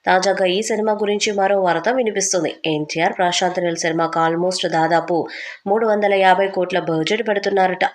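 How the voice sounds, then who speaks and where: A woman narrating scripted entertainment news in a brisk, even newsreader manner. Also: lowish voice.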